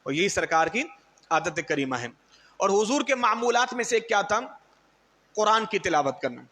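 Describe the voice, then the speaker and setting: A male preacher delivers a sermon in a high, sharp and bright voice. He tells stories and acts out the people in them. Long reverb trails his words. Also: big pitch swings. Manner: storytelling, acts out quotes and mocks others' styles. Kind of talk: Urdu sermon.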